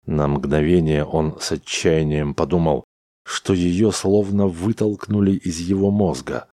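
A man reading science fiction aloud as an audiobook narrator, in an even, unhurried way. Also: low-pitched, dry recording, studio quality. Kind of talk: scripted narration.

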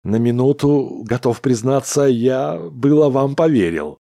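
A man's voice: mid-range voice, animated, unhurried, gravelly, mellow, no room sound, clean studio sound, pitched above the performer's own voice. A man voicing Smith, an agitated, incredulous male space traveler, in a strained, disbelieving tone.

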